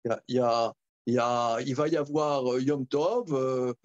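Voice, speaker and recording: Rabbi teaching a class, chatty and animated, lots of restarts, kinda dull dry sound. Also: male voice, medium pitch, moderate pace, no room sound. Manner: animated, repetitive, with many restarts and role-played examples. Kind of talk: informal Torah lesson.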